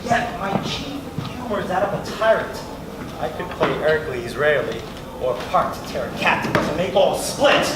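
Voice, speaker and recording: A man's voice: on the high side, lively intonation, normal speed, natural voice. A man performing a vain, overeager weaver who fancies himself an actor, declaiming pompously in a Shakespearean stage comedy. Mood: boastful. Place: indoor theatre stage, recorded from afar. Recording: echoey stage hall, distant mic, loud noise.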